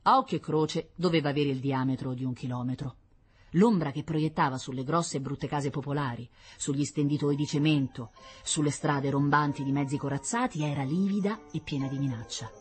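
A woman reading a children's storybook aloud in an expressive, lively storytelling manner. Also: deep voice, brisk, husky, soft background music. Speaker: narrator.

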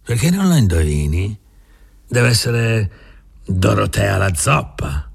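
A man's voice: fairly low pitch, very animated, slow pace, vocal fry, breathy edge, exaggerated voice. A man reading an audiobook plays a cocky, reckless seventeen-year-old who talks brashly. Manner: brash and dismissive.

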